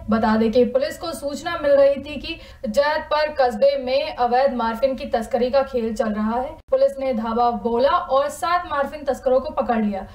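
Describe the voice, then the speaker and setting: A high-pitched woman reads a news bulletin in a brisk, steady scripted delivery. She sounds set back from the microphone, and the room gives her voice a clear echo. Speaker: news anchor. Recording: echoey room, distant mic.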